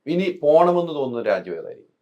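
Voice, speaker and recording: A man interviewing a guest, asking quick questions and giving short agreeing replies. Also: a little high, sing-song, dark tone, highs cut off. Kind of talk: casual interview talk.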